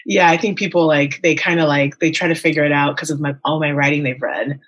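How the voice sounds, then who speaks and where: A woman's voice: deep voice, steady tone, fairly quick, fairly bright tone. Candid woman writer in a casual interview. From Las Vegas and Miami, United States. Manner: thoughtful, many ums and likes, open and candid. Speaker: writer and writing teacher, podcast guest.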